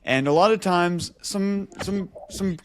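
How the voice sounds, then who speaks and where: A man co-hosting a podcast tells an anecdote in a high voice, taking his time, with a little hiss or hum in the recording. His manner is casual and animated, and he repeats phrases for emphasis.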